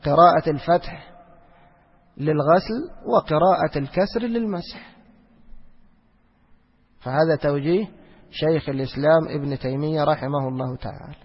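A man giving a religious lesson, who asks questions and answers them himself, repeats phrases and slows down to recite verses. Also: fairly high pitch, breathy edge. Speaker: teacher of Quranic exegesis. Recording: lo-fi recording with long hall reverb.

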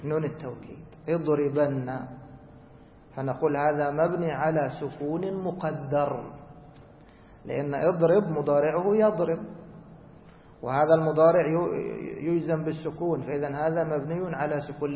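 A man teaching a grammar lesson who asks the class questions, answers them himself, and repeats key rules slowly. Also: fairly high pitch, steady tone. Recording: echoey hall, dull lo-fi sound.

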